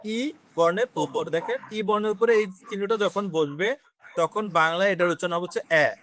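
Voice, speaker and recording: A man's voice: sits high, a bit bright, slight background noise. A man teaching a beginners' French class, explaining step by step and quizzing his students. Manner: explains slowly, quizzes the class, mixes in English words. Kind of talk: classroom lesson.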